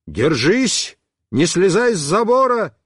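A man's voice: high-pitched, very animated, slow pace, slightly rough, no room sound, clean studio sound, heavily acted. A man voicing a cheerful, bold little boy in a storybook reading. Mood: eager.

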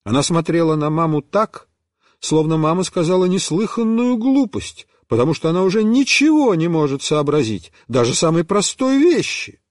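A man reading a children's story aloud in a lively, playful, animated way. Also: a little high, moderate pace, no echo, clean studio sound. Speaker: reader.

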